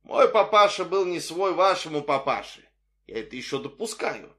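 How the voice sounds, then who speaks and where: A man's voice: fairly high pitch, very animated, normal speed, bright, forceful tone, voice pushed up. A man doing a haughty émigré nobleman cabbie. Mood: condescending. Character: Russian émigré taxi driver, haughty nobleman, middle-aged man.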